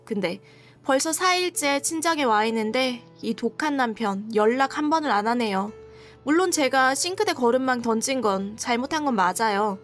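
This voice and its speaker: A woman's voice: a little high, lively intonation, moderate pace, faint music behind. A woman narrating a first-person story in a conversational, aggrieved tone.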